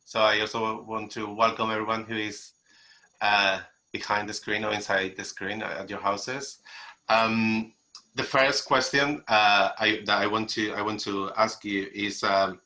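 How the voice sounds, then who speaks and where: A man's voice: on the low side, level tone, unhurried, sharp tone, low-quality recording. A man hosting an online literary event, introducing guests and asking questions in a hesitant way, often repeating and rephrasing. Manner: hesitant, repeats phrases and gropes for wording. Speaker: event host and interviewer. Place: remote video call.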